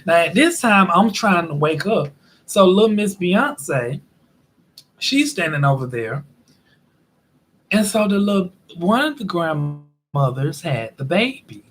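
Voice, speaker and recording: A man telling a comic story from his own day in a lively, animated way, dropping quiet asides between loud bursts. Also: high voice, slow, slight background noise, low-quality recording. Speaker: storyteller vlogger. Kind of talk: comedic storytelling.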